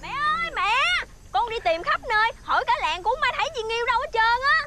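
A woman's voice: very high voice, lively intonation, fast talker. An actress playing the whiny, scheming daughter of a greedy mother, calling and pleading. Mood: whining. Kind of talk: TV fairy-tale drama acting. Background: loud music score.

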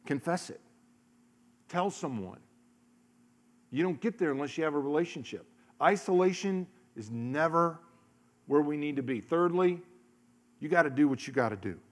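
Middle-aged pastor preaching on a church stage. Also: male voice, a little high. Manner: storytelling, acts out voices, shifts from hushed to loud. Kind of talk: sermon. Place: large church stage, indoors. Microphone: handheld mic.

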